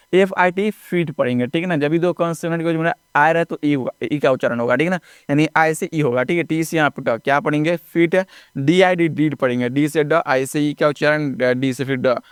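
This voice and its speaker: A man's voice: a little high, smooth, dry recording, studio quality. A man teaching English phonics step by step, spelling words out letter by letter and often checking in with "ठीक है ना". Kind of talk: classroom-style phonics lesson.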